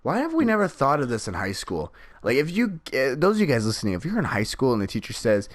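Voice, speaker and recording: A man's voice: medium pitch, wildly swooping pitch, quick pace, no room sound, studio quality. A man chatting casually as a podcast host, with a rambling, swear-heavy way of talking. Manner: profane, rambling. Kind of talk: casual chat.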